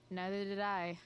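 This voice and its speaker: A woman's voice: medium pitch, a little hiss or hum. A woman voicing a sardonic, guarded, rebellious teenage girl in a video game, slangy and sometimes hesitant. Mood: wry.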